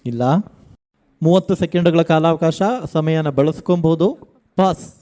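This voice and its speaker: A man runs a college quiz show on the radio, his voice a touch high and mellow. He spells out questions slowly and cheers the teams on with energy. The sound is dry and close. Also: no room sound. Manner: energetic, coaxing contestants, slow emphatic questions. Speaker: quizmaster.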